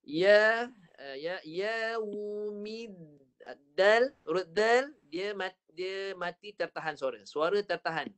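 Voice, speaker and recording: A man with a Malaysian Malay accent teaching Quran recitation in an online class, patiently modelling each sound slowly and repeating it. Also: sits high, lively intonation, fairly bright tone, clean tone. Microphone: online video call.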